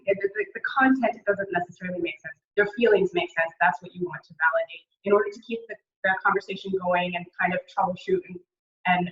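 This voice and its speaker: Woman trainer, lively explainer, sits back from the mic, muffled call audio. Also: medium pitch, distant mic. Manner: lively, acts out example lines. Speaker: staff trainer.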